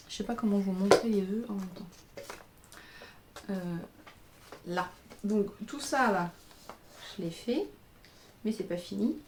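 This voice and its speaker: A knitting pattern designer in her thirties talks in a medium-pitched, dark-toned voice on her casual crafting video podcast. She sounds worn out, hesitates a lot and leans on fillers while presenting her work to the camera.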